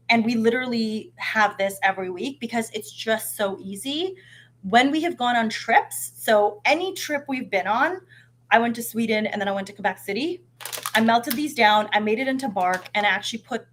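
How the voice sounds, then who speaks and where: A woman's voice: medium pitch, fairly bright tone. A woman from Canada hosting a live cooking stream, chatty and upbeat with lots of fillers and restarts. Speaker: host of a live cooking show. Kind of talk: casual live-stream chat.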